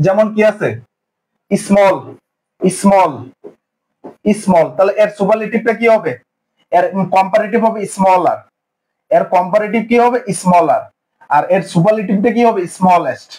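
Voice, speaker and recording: A man's voice: high voice, darkish tone, low-quality recording. A young man teaching an exam-prep grammar lesson, asking questions and answering them himself in repeated drills. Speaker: English teacher.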